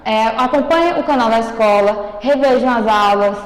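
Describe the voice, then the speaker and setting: A woman's voice: fairly high pitch, normal speed. A woman teacher giving a recorded remote class, explaining step by step and checking in often with short tags. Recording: echoey, reverberant room.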